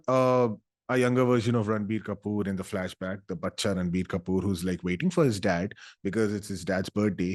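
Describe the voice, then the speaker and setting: A young man, ranting about a movie in casual, comedic, sarcastic style, breaking into loud animated bursts. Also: fairly low pitch. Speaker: YouTuber.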